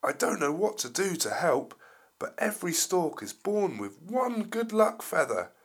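A man's voice: high voice, big pitch swings, measured pace, vocal fry, slightly rough, voice pushed up, exaggerated voice. A man voicing a kind, eager male stork in a children's story, talking in a raised, fluttery voice.

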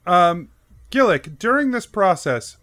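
A man narrating as game master of a tabletop role-playing game, slow and measured with fillers. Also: high-pitched, big pitch swings, fairly bright tone.

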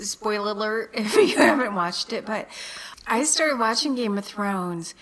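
A woman's voice: medium pitch, measured pace, a bit bright. A chatty woman talking casually, laughing often and restarting her sentences. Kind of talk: casual chat.

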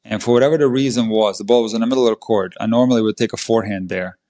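Man recounting a match, animated. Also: fairly low pitch, rapid-fire. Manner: animated, emphatic play-by-play retelling. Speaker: podcast guest, tennis coach. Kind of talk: conversational storytelling.

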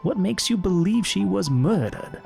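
A man reading out a doubtful small-town lawyer in a put-on Southern accent, in a measured way. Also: sits high, animated, gravelly, a little mellow, soft background music, voice pushed up, exaggerated voice. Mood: skeptical.

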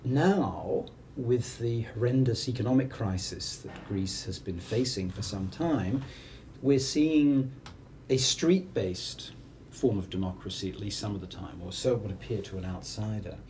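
A middle-aged man interviewing in an academic setting, speaking in an erudite, professorial way with long, measured sentences. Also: fairly low pitch, darkish tone. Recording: distant mic with faint background noise.

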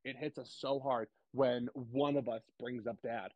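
A young man speaking candidly as a podcast guest, halting and repeating words, emotional about his family. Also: medium pitch, fairly even intonation, darkish tone, dry recording, dull audio.

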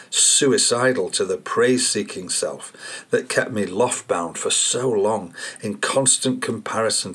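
A man with a lowish voice reads poetry at an unhurried pace. He talks in a measured, contemplative way and pauses to reflect between the verses. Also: a bit bright. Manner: slow, measured, contemplative reading. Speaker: poet and podcast host.

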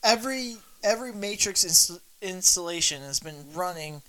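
Nerdy podcast guy, bright sharp voice, rambly and sweary, just chatting. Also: high-pitched, lively intonation, moderate pace. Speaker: podcast co-host. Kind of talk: casual chat.

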